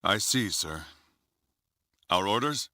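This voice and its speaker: A man playing a grave, formal starship commodore in a video game, speaking with measured authority. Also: lowish voice, animated, sharp tone, dry recording, clean studio sound, heavily acted. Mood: commanding. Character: stern, grave male starship commodore, middle-aged or older. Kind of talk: dramatic video game voice acting.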